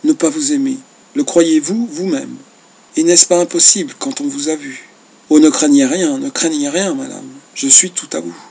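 A man's voice: a little high, steady tone, normal speed, creaky, darkish tone, husky. A man reading the lines of a young male fisherman in love, pleading and impassioned.

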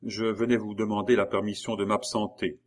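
A man's voice: on the low side, level tone, brisk, natural voice. A man reading aloud, voicing a jealous, ardent young man in love with an intense, earnest delivery. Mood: cool. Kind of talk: audiobook character voice.

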